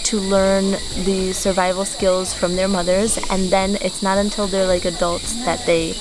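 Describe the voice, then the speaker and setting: A woman's voice: mid-range voice, flat delivery, unhurried. A woman travel vlogger chatting casually and eagerly explaining facts outdoors. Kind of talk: casual chat. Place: outdoors at a wildlife sanctuary. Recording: outdoor insect and hiss noise.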